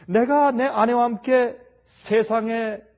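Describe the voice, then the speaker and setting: A man's voice: extremely high pitch, fairly even intonation, slow, a little mellow. A man preaching a sermon, telling a story dramatically and acting out its people.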